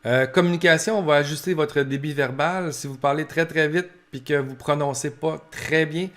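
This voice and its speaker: Speaking at normal speed in a fairly high, fairly bright voice, this Québécois-accented man is a professor advising family caregivers. His informal talk stays colloquial and practical, and he explains by acting out brief examples.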